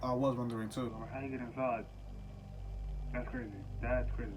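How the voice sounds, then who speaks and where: A man reacting to a story with quick, chatty interjections in casual reaction chat. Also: medium pitch, level tone, noisy background.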